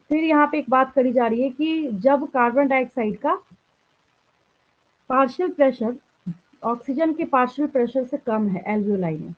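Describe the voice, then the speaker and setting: A fairly high-voiced woman with an Indian accent lectures a class on biology, switching between Hindi and English. She puts questions to the students and answers them herself. The sound is thin and tinny, like a phone line. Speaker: biology teacher.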